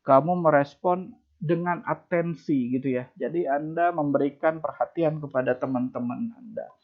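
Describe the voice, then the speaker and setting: A man's voice: a little high, moderate pace, gravelly. Man giving class feedback over video call. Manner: mixes English phrases into speech, many fillers. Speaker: lecturer. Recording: dull lo-fi video call audio.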